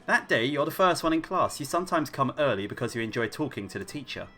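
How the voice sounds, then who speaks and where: A man's voice: medium pitch, animated, fast, sharp tone, soft background music. A man reading game narration aloud to friends on a livestream, teasing and laughing often. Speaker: streamer reading the game text.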